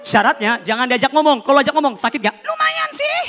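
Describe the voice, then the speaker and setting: A young man doing stand-up with a very high, bright voice that cuts through. He talks fast and acts out the characters in his stories with sudden shouts and switched voices. A faint hiss sits behind him on the recording. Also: some chatter behind. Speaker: stand-up comedian. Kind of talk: stand-up comedy routine.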